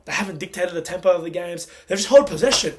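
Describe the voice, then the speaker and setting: Talking fast over background noise, this hoarse man with a lost voice vents his post-match reaction as a football supporter. His casual rant is agitated and forceful, getting higher and louder as his anger flares.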